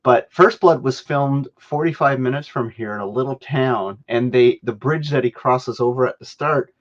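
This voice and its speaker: A man's voice: mid-range voice, moderate pace. A middle-aged Canadian man hosting a podcast, chatting casually and rambling with lots of self-corrections. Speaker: podcast host. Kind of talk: casual chat. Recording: dull lo-fi sound.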